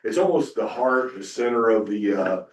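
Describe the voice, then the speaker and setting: A conference panelist gives a casual presentation in a conference room, speaking folksily with lots of fillers. His lowish voice is expressive and moderately paced, and the room is echoey with him sitting far from the mic.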